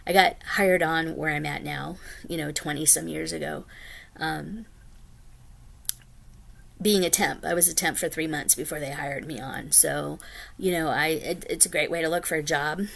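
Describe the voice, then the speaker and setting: This American woman in her forties vlogs for flosstube, chatting casually to camera in a tired, rambling way full of ums. Her low, gravelly voice is a bit bright, holds a steady tone, and moves at normal speed.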